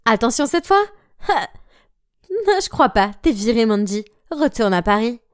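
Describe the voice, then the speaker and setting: A woman's voice: on the high side, animated, unhurried, clear, resonant tone. Woman doing a spiteful teen cheer captain. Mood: taunting. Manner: mocking, bossy.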